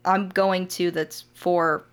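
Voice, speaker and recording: A woman's voice: on the low side, steady tone, slow, smooth. A young adult woman from Ohio, a motovlogger guest chatting casually on a podcast, laughing often.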